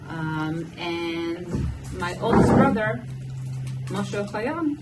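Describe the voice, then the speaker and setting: A woman's voice: fairly low pitch, animated, very slow, over loud music. A woman with a Moroccan-influenced Israeli accent telling a personal story to a group, often restarting and rephrasing her sentences. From Israel, small moshav near Modi'in. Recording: noisy, distant microphone.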